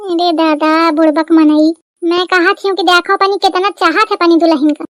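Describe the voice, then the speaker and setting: A woman voicing a quarrelsome elder sister-in-law in a cartoon, with a sharp, bickering manner. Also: very high-pitched, steady tone, normal speed.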